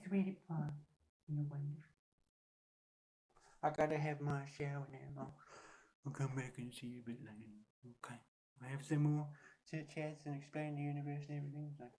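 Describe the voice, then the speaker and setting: This vlogger, a woman in her forties, speaks in a low, mellow voice with fairly even intonation, a little fast but pausing often. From a swivel chair by her sofa at home she rambles, talks to herself, and coos to her cat in sing-song baby talk.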